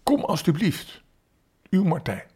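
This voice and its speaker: A man's voice: sits high, huge pitch swings, unhurried, a little mellow, breathy edge, pitched above the performer's own voice, full character voice. An older man doing an eager little boy. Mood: earnest. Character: poor eight-year-old boy, hopeful and earnest.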